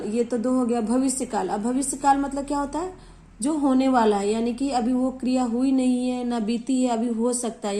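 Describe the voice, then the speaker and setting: A woman school teacher, giving a patient Hindi grammar lesson to children. She repeats words slowly and mixes in English terms. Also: fairly high pitch, dark tone.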